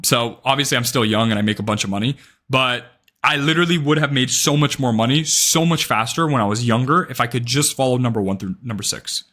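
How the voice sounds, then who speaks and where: This is a direct-to-camera advice talk by a day trading vlogger around twenty years old. His voice is medium-pitched and a bit bright; he's blunt and emphatic, swearing freely and often finishing points with "right?".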